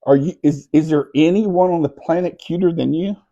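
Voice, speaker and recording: A middle-aged man hosts a casual live video from home, playfully teasing a child and often dropping into a soft hush. His voice runs on the high side at a moderate pace, and the recording is muffled.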